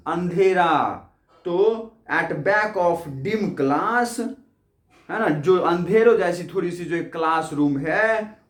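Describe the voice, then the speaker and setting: A man teaching a poetry lesson, speaking slowly and deliberately in a slightly high voice. He repeats each word meaning several times and spells words out letter by letter. The recording has a noticeable room echo. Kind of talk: Hindi-English poetry lesson explanation. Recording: echoey room.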